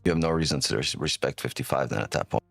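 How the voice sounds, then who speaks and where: A man with a deep whiskey voice giving casual live-stream commentary, thinking aloud and often checking in with "right?", on a close microphone. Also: fast, gravelly, fairly bright tone, slightly rough, no echo, soft background music. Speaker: live trading streamer, host.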